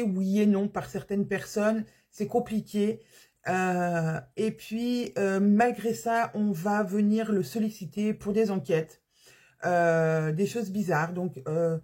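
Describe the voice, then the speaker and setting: Hesitant husky woman chatting about books. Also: mid-range voice, darkish tone. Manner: hesitant, many fillers and restarts, self-correcting. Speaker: book podcaster. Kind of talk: casual book review chat.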